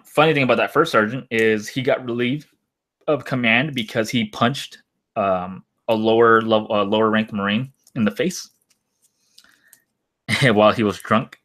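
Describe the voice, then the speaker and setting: A man's voice: fairly low pitch, fairly bright tone. A young man chatting casually on a livestream in a rambling, hesitant way, often trailing off. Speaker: live streamer, former Marine.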